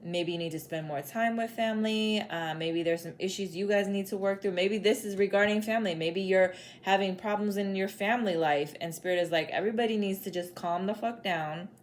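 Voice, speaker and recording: A woman's voice: mid-range voice, brisk, hardly any pauses, slight background noise. A woman doing a casual tarot reading as a psychic medium, chatty and blunt, circling back to the same advice and sometimes swearing. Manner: chatty, repetitive, peppered with "like" and "spirit is like".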